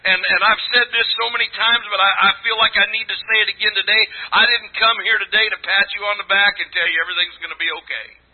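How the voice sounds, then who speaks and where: A man in his sixties preaching a sermon to a congregation, earnest and emphatic, with a husky, rough-edged voice. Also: high voice, fairly even intonation, fast. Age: 60s. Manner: earnest, emphatic, exhorting with repeated phrases. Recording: thin, phone-like band-limited sound.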